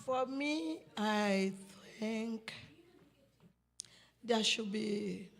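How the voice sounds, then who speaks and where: A woman in a group discussion, pausing often and searching for her words. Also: on the high side, vocal fry, in a large hall.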